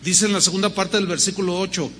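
A man's voice: high voice, steady tone, fast talker, a bit bright, long reverb tail, a little hiss or hum. An older man preaching a sermon as pastor, telling a story with acted-out dialogue and rhythmic lists of words.

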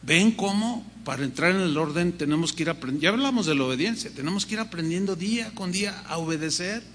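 A man preaching a sermon in an animated way, acting out the voices of God and believers. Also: high voice, fast talker, slight background noise. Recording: long hall reverb.

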